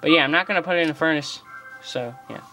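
A chatty, excitable American gaming channel host runs through a casual game commentary tutorial at a quick clip, laughing at his or her own slip-ups. The mid-pitched voice plays over music, with occasional keyboard clicks, all captured by a phone filming a computer screen.

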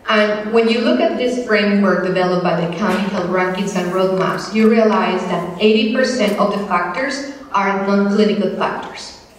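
A woman's voice: medium pitch, recorded from a distance, a little hiss or hum. Colombian-born woman lecturing in an echoey hall. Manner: measured, explanatory, steady. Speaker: panel speaker. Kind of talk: lecture presentation.

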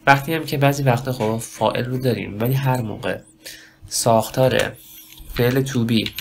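A man teaching a spoken lesson for test preparation, talking slowly in broken phrases and asking himself questions. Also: mid-range voice, gravelly, a little hiss or hum. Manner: slow, halting delivery with many pauses and self-questions. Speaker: English test prep teacher.

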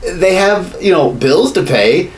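High-pitched and animated yet slow, a thirty-something man rants casually and profanely as a podcast co-host. He's chatting opinionatedly about games and movies in a small indoor home studio, and the room recording is clearly noisy.

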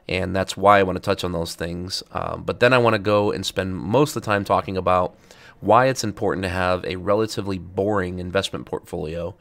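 A middle-aged man hosting a finance podcast, speaking casually with many ums, his voice raspy and a little stuffed up after illness. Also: sits low, fairly bright tone. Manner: chatty, many ums and uhs. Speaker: podcast host, financial advisor. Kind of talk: casual educational podcast talk.

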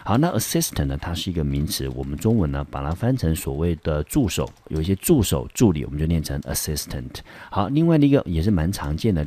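A man's voice: deep voice, warm tone. A man with a Taiwanese Mandarin accent teaching English vocabulary in a classroom lesson. He explains patiently and keeps starting his sentences with a filler word.

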